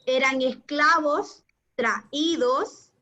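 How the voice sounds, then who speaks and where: A woman's voice: high voice, very slow, pushed and bright, muffled recording. A woman teacher giving an online class, patient and affectionate, asking the class questions.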